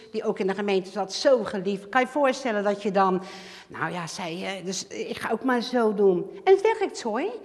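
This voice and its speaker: A woman giving a lively church testimony, acting out little dialogues and swinging between loud and hushed. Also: mid-range voice. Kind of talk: sermon testimony. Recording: long hall reverb.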